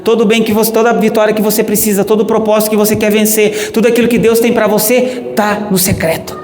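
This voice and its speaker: A man's voice: high voice, flat delivery, quick pace, a little mellow. A man with a Brazilian accent, a pastor preaching a sermon emphatically and asking the congregation questions. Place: church hall. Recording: echoey church hall with long reverb and faint noise.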